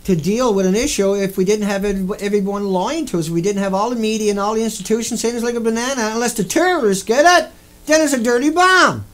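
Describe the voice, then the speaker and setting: A man delivering an angry, profane ranting monologue, repeating himself and bursting into shouts. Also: high voice, fast, low-quality recording. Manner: repetitive, profane, indignant. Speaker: video host.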